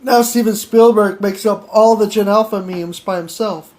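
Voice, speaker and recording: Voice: medium pitch, normal speed, darkish tone. A podcast host chatting casually with an AI, giggling and stammering through restarts. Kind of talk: casual improvised chat with an AI.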